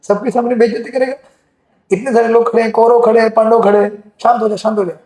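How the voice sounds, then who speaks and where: A calm divine figure hushes an upset companion in a low, soothing way, as a man puts him on. The tone is mellow and fairly high for a man, with a roomy echo around it. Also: quick pace. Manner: soothing, hushing. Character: calm divine charioteer hushing a friend. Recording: echoey hall.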